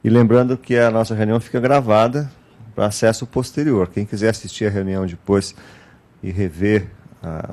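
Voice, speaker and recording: A man with a Brazilian accent moderates an online clinical case meeting. His voice is low and mellow, and he speaks in a measured way, often adding "né?". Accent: Brazilian Portuguese. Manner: measured, frequent "né?" tags.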